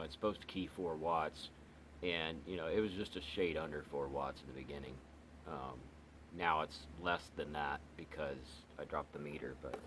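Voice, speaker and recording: With an extremely low-pitched voice, a man reviews a radio casually for his channel, wandering through fillers and false starts. Slight background noise can be heard.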